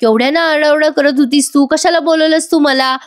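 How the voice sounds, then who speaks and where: A woman's voice: high-pitched, steady tone, fairly quick, pitched above the performer's own voice, natural voice. A woman voicing a sly young man who plays innocent and talks back rudely. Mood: wheedling. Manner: rude, wheedling.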